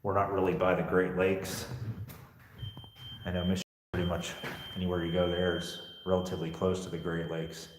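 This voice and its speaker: A low-pitched American man rambles casually to his live stream viewers in an unhurried way. He is in an echoing stairwell, and his voice rings with long reverb. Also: little pitch movement, background noise. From Pittsburgh area, United States. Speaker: paranormal investigator livestreamer. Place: indoor stairwell of an old seminary building.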